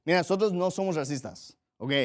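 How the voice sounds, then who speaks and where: A man from Mexico preaching a forceful, combative sermon as a pastor. His voice sits a little higher than most men's. He often restarts and repeats words as he presses his pointed questions. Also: expressive, fairly quick.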